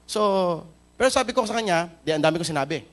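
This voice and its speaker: High-voiced Filipino pastor preaching. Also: male voice, animated, fast talker. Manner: mixes Tagalog and English, storytelling, asks the crowd questions. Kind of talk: sermon. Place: church.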